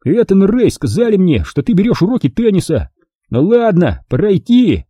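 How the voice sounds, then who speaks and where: A man's voice: high-pitched, very animated, normal speed, dark tone, husky, no echo, studio quality, pitched above the performer's own voice, heavily acted. A man doing a cocky, mocking boy. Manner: boastful, teasing.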